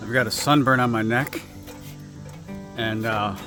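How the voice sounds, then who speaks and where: A man talks to his handheld camera out in a cleared patch of woods, chatty and a little self-deprecating. His pitch sits in an ordinary middle range. Faint guitar music plays softly behind him. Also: steady tone, measured pace. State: slightly out of breath. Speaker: vlogger working his land. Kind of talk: casual vlog talk to camera. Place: outdoors on a wooded clearing.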